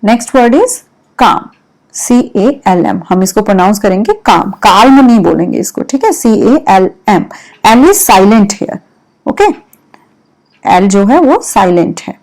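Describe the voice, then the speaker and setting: An Indian woman teaching English words to young pupils at an unhurried pace. She spells each word letter by letter and explains the meaning patiently, in a voice of middle pitch. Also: big pitch swings, darkish tone, poor audio. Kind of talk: vocabulary lesson mixing English and Hindi.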